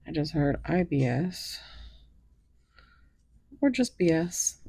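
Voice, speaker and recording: A woman's voice: low voice, sing-song, creaky, dark tone, husky, no room sound. A woman giving a casual tarot reading, musing aloud and slipping into whispers as she lays out cards. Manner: slow, musing, drifts into whispers while pulling cards. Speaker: tarot reader.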